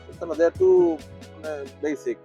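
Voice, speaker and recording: A man's voice: fairly high pitch, very fast, warm tone, slightly rough. A man with a Bangladeshi accent chatting casually and enthusiastically about cars as an owner, mixing Bengali and English. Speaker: car owner being interviewed. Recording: music under the voice.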